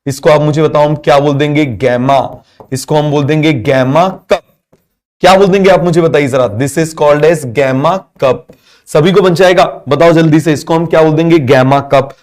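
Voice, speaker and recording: Guy teaching bio in a classroom, kinda high voice, keeps asking the class questions and having them repeat. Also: normal speed, a little mellow. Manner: mixes Hindi with English terms. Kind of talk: classroom biology lecture.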